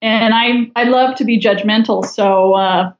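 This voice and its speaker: A woman's voice: fairly high pitch, steady tone, measured pace, muffled recording. Wry chatty woman on an echoey line. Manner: wry, chatty, judgmental humor. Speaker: podcast guest. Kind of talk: casual chat.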